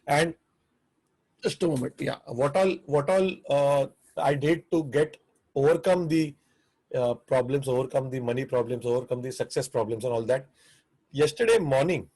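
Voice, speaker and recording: Earnest and prone to repeating himself and restarting phrases, a man with an Indian English accent leads a live online restaurant-business class. His voice is on the high side and a little mellow. The audio quality is poor.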